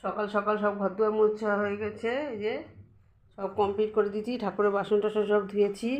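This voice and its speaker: A woman's voice: mid-range voice, flat delivery, fairly quick, a little mellow. A middle-aged woman and grandmother narrating a casual home vlog, chatting straight to her viewers as she goes about her chores indoors, recorded on a handheld phone.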